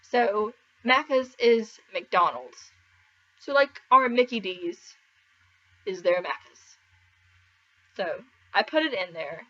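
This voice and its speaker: A young woman with an American Southern accent, chatting to camera in a giggly, animated way. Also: medium pitch, slow pace, pauses often. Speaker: vlogger. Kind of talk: casual chat to camera. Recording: slightly dull lo-fi sound.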